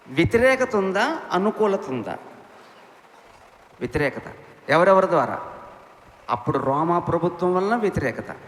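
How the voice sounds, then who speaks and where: A man preaching a sermon with passion, firing rhetorical questions and swinging between loud appeals and quiet, low lines. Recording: echoey hall with faint ambience.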